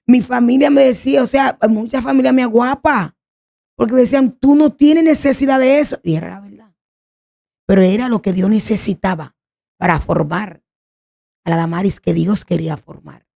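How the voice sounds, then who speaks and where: A woman's voice: a little high, normal speed, creaky, dark tone. A woman sharing an emotional personal testimony as a guest, telling her story in an earnest, pleading way.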